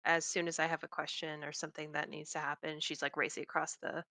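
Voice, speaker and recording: A woman's voice: sits low, flat delivery, quick pace, vocal fry, pushed and bright, no echo. A woman talking as a guest on a podcast about game venue greeting, hesitant and full of fillers. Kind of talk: casual podcast chat.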